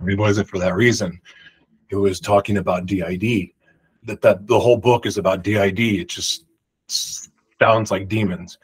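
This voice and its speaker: In a low-quality recording, a man with a husky, fairly low voice and fairly even intonation tells a rambling story at normal speed. The vlogger addresses the camera emphatically and loudly from a home room decorated with pictures, a big studio mic at his side.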